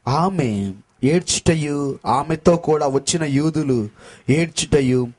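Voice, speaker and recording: A man in a church reading Bible verses aloud in a slow, measured way. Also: a little high, a little mellow. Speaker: scripture reader.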